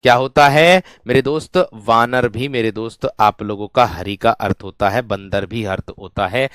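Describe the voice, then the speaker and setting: A man's voice: on the low side, moderate pace, a bit bright, smooth, dry recording, clean studio sound. A man teaching a grammar lesson to students, repeating each phrase again and again and calling them his friends and brave ones. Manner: repetitive, drills each phrase over and over. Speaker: Hindi teacher.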